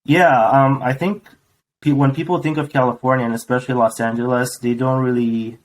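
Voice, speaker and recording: A man's voice: mid-range voice, fairly even intonation, low-quality recording. Thoughtful Romanian-born man guest. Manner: thoughtful, unhurried, many ums. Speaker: podcast guest. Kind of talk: casual interview.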